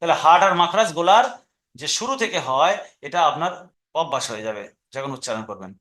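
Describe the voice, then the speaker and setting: A man with an Indian Bengali accent teaching Quran reading in a recorded lesson, patiently repeating rules and spelling out letter sounds slowly. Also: a little high, very animated, fairly bright tone.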